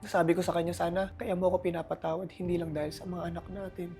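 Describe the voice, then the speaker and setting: A man's voice: high-pitched, flat delivery, fast, vocal fry, darkish tone, faint music behind. A man as an interview guest, speaking earnestly and openly in an emotional confessional interview. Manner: earnest, confessional, pours out feelings.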